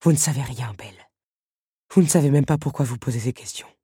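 A woman's voice: brisk, warm tone, slightly rough, no room sound, studio quality, exaggerated voice. A woman voicing the Beast, a proud, bitter male creature, in an audiobook reading. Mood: curt. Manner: bitter, low and curt.

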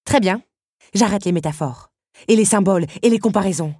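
A woman's voice: animated, moderate pace, warm tone, breathy edge, no room sound, studio quality. A woman voicing Belle, a stubborn, fiery young woman, in an audiobook reading. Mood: insistent. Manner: pleading and indignant, raised pitch.

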